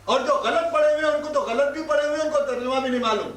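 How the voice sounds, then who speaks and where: A man's voice: extremely high pitch, fairly bright tone. A man with a Pakistani Urdu accent teaching Quran commentary, reciting verses and then explaining them with scolding rhetorical questions. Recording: echoey hall, distant mic, faint hiss.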